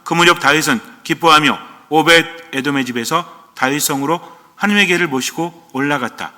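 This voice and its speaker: Male priest giving a sermon, bright and slightly high, asking and answering his own questions, long church reverb. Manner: asks the congregation questions and answers them himself.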